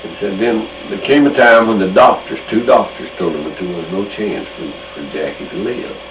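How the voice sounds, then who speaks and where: An older man, telling family memories in a slow, halting, emotional way. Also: on the low side. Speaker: storyteller. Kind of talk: casual reminiscing. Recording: echoey room with noise.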